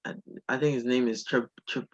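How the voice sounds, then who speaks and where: A young man on a podcast recording that sounds dull and lo-fi, talking loosely with friends. His pitch sits in the middle, and he keeps breaking into laughter as he retells clips. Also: fairly even intonation, fairly quick. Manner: laughs often while retelling funny clips. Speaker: podcast co-host. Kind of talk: casual chat.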